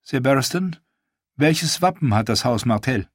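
A man reading an audiobook, voicing a proud young queen who speaks in a regal, measured way. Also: mid-range voice, expressive, dry recording, clean studio sound, voice pushed up, lightly acted. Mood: brooding.

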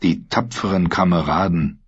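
A man reads an audiobook in a steady, dramatic way. His voice sits on the low side and has a husky grain. The recording sounds dull and lo-fi. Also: normal speed. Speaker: narrator. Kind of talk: audiobook narration.

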